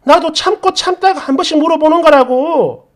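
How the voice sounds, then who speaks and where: A woman reading out a hurt wife, exasperated and accusing, pressing her husband for answers with a raised voice. Her pitch swings widely and lively as she argues. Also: fairly quick. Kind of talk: storytelling with acted dialogue.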